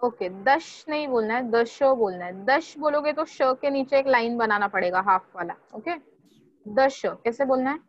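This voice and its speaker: High-voiced woman teaching online. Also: normal speed, dry recording, dull audio. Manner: mixes Hindi and English, encouraging. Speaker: Sanskrit teacher. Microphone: video call.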